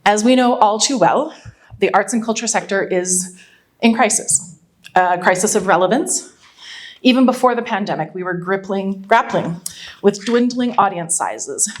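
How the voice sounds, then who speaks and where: A woman hosting an event in a small theatre, reading out a speaker introduction into a stage microphone, steady with small slips. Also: medium pitch. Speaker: event host.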